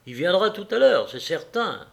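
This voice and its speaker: A man's voice: high voice, very animated, moderate pace, gravelly, fairly bright tone, voice pushed up, exaggerated voice. A man reading an audiobook, voicing a tense, tormented young man who speaks with urgent, clipped insistence.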